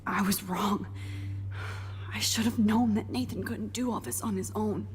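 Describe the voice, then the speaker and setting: A woman plays a young captive student in a game drama, protective and determined. Her mid-pitched voice is hushed, breathy and earnest, with faint noise behind it. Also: fairly even intonation, a little slow, natural voice. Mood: urgent resolve. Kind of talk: dramatic video game acting.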